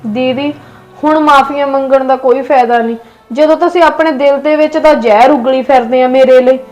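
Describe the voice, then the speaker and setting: A curt, resentful younger daughter-in-law, played by a woman with a high voice. She keeps her replies cold and short. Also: steady tone, a little fast, a little mellow, faint music behind, close to an everyday voice. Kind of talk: family skit acting.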